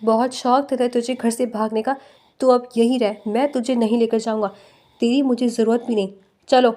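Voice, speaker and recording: A woman's voice: a little high, fairly even intonation, dark tone, lightly acted. A woman voicing a brutal village chieftain. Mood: contemptuous. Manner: snarling, abusive.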